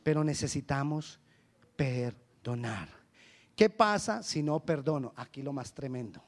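A male pastor preaching a lively sermon, acting out little dialogues with humor. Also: mid-range voice, measured pace.

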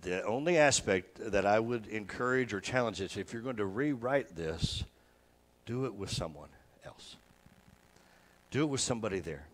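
Male pastor, sermon, conversational teaching, slow repeated verses, sudden emphatic lifts. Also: fairly low pitch, expressive, a little hiss or hum. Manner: slow repetitive scripture recitation, dropping soft.

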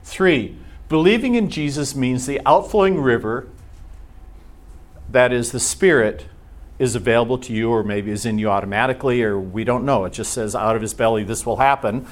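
A man's voice: mid-range voice, normal speed. A man with an American accent gives an informal teaching talk to a church group, conversationally asking rhetorical questions and acting out imagined reactions. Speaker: Bible class teacher.

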